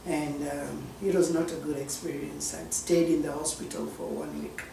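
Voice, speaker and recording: A young man recounts his story in a steady, measured way. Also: on the high side, creaky, noisy background. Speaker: interviewee. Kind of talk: personal story for a documentary. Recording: echoey room, distant mic.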